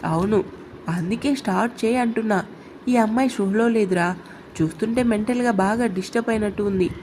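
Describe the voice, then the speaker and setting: A woman's voice: medium pitch, brisk, darkish tone, slight background noise, natural voice. A woman voicing a stern young man who speaks curtly and scolds. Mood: gruff. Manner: curt, scolding.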